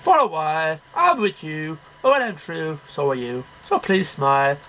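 His voice on the high side and very animated, a middle-aged amateur poetry reader recites line by line in a declamatory, sing-song style at a moderate pace. The tone is fairly bright. Recorded by a webcam at about arm's length in a small cluttered bedroom, with a little hiss or hum.

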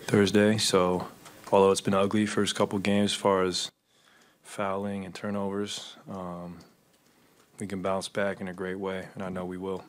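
Low flat-voiced man at a press podium. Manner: measured, low-key, frequent fillers. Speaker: basketball player. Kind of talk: postgame press conference answers. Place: arena press room. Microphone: desk microphone.

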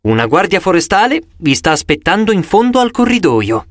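Male narrator doing a bright, chirpy lady ranger guide, raised pitch, announcing to a group, audiobook. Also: very animated, fairly quick, dry recording, clean studio sound. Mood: cheerful. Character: cheerful female park ranger tour guide, mysterious. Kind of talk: audiobook character voice.

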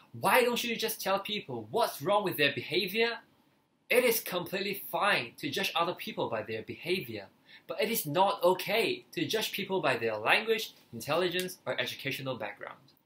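A man's voice: a little high, big pitch swings, normal speed, sharp tone. A young man from Hong Kong with a Cantonese accent, a native Cantonese speaker, talking earnestly to camera as a language-learning vlogger. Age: young adult. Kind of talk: earnest opinion talk to camera. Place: small living room, indoors.

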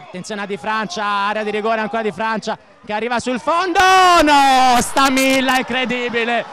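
A man with a very high-pitched voice commentates on football live, play by play. He is breathless and excitable, repeating phrases as he builds toward shouts. A loud stadium crowd and clear outdoor noise sit behind him. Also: quick pace. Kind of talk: live Italian-style goal commentary, play by play. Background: cheering crowd, outdoor stadium noise.

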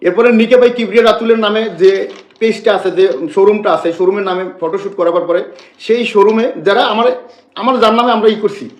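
A man's voice: sits high, brisk, echoey room. A man, speaking on a live stream in an agitated, repetitive, rambling way. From Bangladesh. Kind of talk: emotional live-stream complaint.

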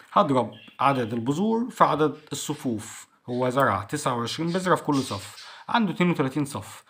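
A man with an Egyptian Arabic accent, teaching a school English lesson and drilling each word by repeating it slowly. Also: medium pitch, fairly bright tone.

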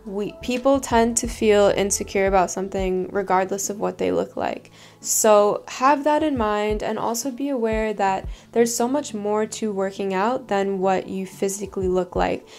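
A woman in her twenties, a fitness vlogger, talking in an earnest, relaxed way with plenty of "like" fillers. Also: medium pitch, normal speed, vocal fry, hardly any pauses, soft background music. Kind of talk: casual advice vlog. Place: bedroom, home studio and parked car.

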